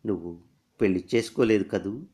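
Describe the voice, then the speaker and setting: A man reading a story aloud, voicing a firm, composed young woman who scorns weakness and later pleads gently. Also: lowish voice, normal speed, close to an everyday voice. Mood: coaxing. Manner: stern then gently pleading.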